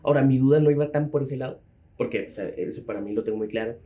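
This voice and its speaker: A man asking questions as interviewer, with a quick, hesitant delivery that restarts words. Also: mid-range voice, lo-fi sound.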